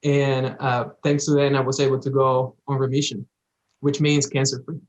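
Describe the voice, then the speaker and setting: A man's voice: medium pitch, flat delivery, normal speed, rough recording. A young man from the Dominican Republic with a slight Dominican accent, talking earnestly as a guest in an interview. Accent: Dominican Spanish. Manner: earnest, grateful. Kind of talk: remote interview.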